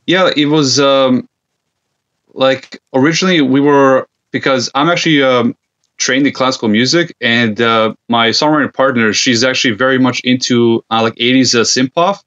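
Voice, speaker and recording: On a podcast with muffled, lo-fi sound, a gear company founder from Serbia speaks at normal speed with a medium-pitched, steady, fairly bright voice. His relaxed conversation is full of hesitations and filler words.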